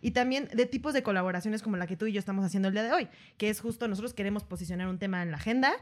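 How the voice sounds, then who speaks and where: Mexican woman, 30s, podcast co-host; casual, slangy, animated delivery. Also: mid-range voice, very fast. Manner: slangy, animated, laughs often. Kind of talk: casual chat.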